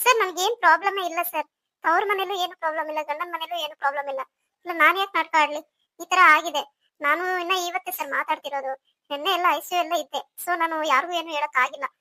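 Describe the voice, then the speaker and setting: A woman's voice: extremely high pitch, fairly even intonation, quick pace, sharp tone, no room sound, studio quality. A woman voicing a meek, apologetic young wife in a cartoon story. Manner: meek, pleading.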